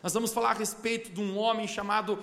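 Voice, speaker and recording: High-voiced male pastor preaching in a hall. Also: fairly even intonation, fast. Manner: preaching with call-and-response, bursts of shouting. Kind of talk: sermon. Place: church hall. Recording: echoey hall.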